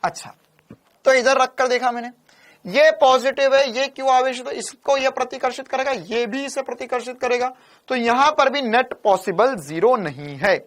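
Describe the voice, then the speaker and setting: A man teaching a physics lecture in an animated, teasing way, repeating key lines. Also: very high voice, moderate pace. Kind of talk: classroom lecture.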